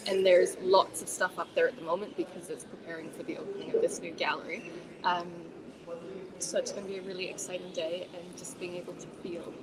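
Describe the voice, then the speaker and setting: A woman's voice: on the low side, flat delivery, fairly quick, crowd noise, rough recording. A woman talking eagerly and casually about the museum stores before welcoming guests. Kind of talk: casual chat.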